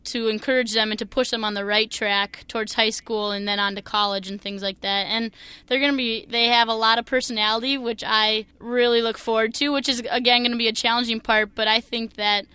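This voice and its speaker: Minnesotan woman in her twenties, earnest, upbeat interview guest; smooth voice, close and dry. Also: fairly high pitch, a little fast, no room sound. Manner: energetic and earnest. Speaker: new teacher, interview guest. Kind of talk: interview answers.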